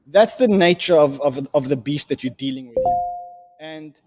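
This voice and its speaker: A man's voice: on the high side, big pitch swings, normal speed, darkish tone, soft background music. A man hosting a casual livestream interview, joking and bantering with his guest.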